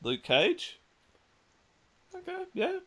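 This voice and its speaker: Male podcast host, lively pitch, bright tone, runs the round with quick laughs. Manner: laughs often, moderates the votes. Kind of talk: casual panel chat.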